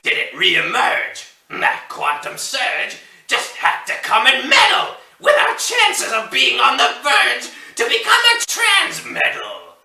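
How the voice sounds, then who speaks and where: A scheming cartoon flying-reptile robot impression. He draws out his rhymes in a creaky voice that leaps about in pitch. The room echoes around him. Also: wildly swooping pitch, bright, forceful tone, heavily acted. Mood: bitter, ranting. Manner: switched-in cartoon impression voice, dramatic drawn-out rhyming. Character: ambitious male pterodactyl robot, power-hungry plotter. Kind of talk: theatrical character poem recital. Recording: roomy echo, distant mic.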